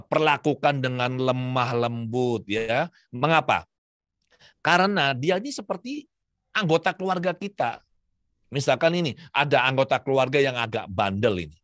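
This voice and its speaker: A man teaching a self-healing seminar, talking in an animated, gentle and storytelling manner. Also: mid-range voice, no echo, studio quality. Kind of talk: seminar talk.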